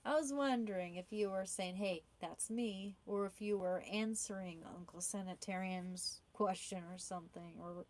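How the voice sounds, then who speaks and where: A woman hosts a casual live stream through a small clip-on wireless mic, chatting with viewers and answering their comments. Her medium-pitched, slightly mellow voice is starting to fail from a sore throat, and she often restarts and repeats words mid-sentence.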